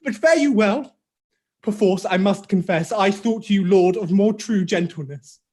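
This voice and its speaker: A woman's voice: medium pitch, unhurried, darkish tone, breathy edge. A woman reading the part of Helena, a lovesick young woman, in pleading verse recitation. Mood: hurt. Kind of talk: amateur Shakespeare reading.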